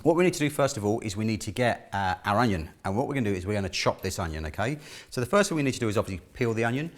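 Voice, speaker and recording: Fast-talking middle-aged man, low-pitched. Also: sing-song. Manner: chatty, instructional, often checking in with "okay?". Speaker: chef presenting a cooking lesson. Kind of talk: casual cooking demonstration. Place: indoor kitchen studio.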